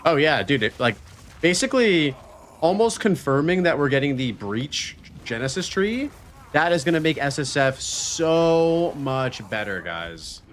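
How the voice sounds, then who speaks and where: A man's voice: a little high, big pitch swings, a little slow. A man live-streaming a game and chatting casually as host, in informal gamer slang. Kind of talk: casual live-stream chat over gameplay. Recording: faint background noise. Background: quiet game sounds and voices.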